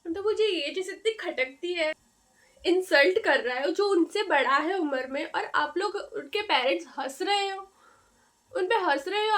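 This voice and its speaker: A woman's voice: extremely high pitch, fairly bright tone. A young woman telling casual storytime stories in a chatty vlog, feeling weak and feverish. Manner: chatty, exclaiming, frequent fillers and repeats. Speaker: vlogger.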